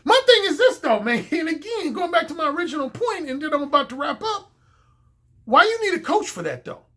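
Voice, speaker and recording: A man's voice: extremely high pitch, big pitch swings, fairly quick, pushed and bright. A man giving a casual, opinionated video monologue as a dating coach, confident and blunt, repeating points for emphasis.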